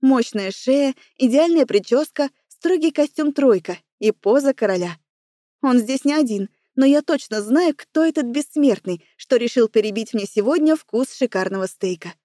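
A woman's voice: sits high, lively intonation, moderate pace, dark tone, no room sound. A woman narrating a first-person story in a wry, self-assured way, close to the mic. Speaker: audiobook narrator.

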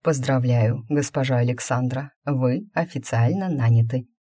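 A woman voicing a calm, smooth-talking male mage who stays unruffled and speaks in an ingratiating way, in a story read aloud. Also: extremely low pitch, no room sound, studio quality. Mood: composed. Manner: unhurried, imperturbable, ingratiating.

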